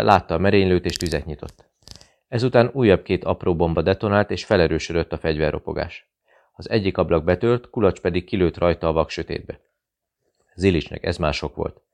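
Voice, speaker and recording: Male audiobook narrator, very low pitch, steady measured delivery. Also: creaky. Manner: measured, even reading. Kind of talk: scripted narration.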